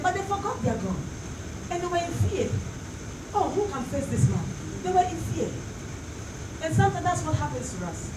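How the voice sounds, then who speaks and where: A female pastor preaches a fervent sermon in a very high voice, driving points home with repetition and questions thrown out to the congregation. She is picked up from a distance in a roomy, echoing space, with clear noise behind her.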